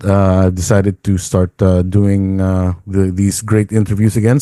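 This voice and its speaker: Low, dark-voiced man hosting, full of ums. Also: no room sound, clean studio sound. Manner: halting, many ums and uhs. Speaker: radio show host. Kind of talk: casual interview.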